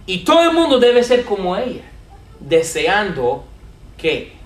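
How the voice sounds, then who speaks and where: A man preaching a sermon to a congregation, animated, repeating words and asking them questions. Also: high voice, a little slow, reverberant. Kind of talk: sermon teaching. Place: church with a congregation.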